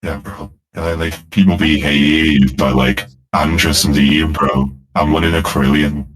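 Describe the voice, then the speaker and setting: A man speaking through a distorted voice changer that makes him sound deep and loud. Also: steady tone, unhurried. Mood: boastful. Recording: distorted, off-mic voice changer audio.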